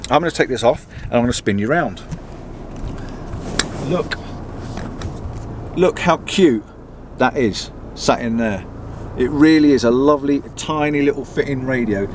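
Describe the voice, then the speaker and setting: Inside a campervan, a middle-aged British vlogger reviews gear to a camera on a mount, sounding casual, chatty and enthusiastic. His medium-pitched voice is expressive and unhurried with frequent pauses, over vehicle background noise.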